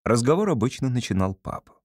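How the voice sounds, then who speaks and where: A man narrating a humorous story as an audiobook in an expressive storytelling manner. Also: medium pitch, fast talker, dry recording, studio quality. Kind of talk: audiobook reading.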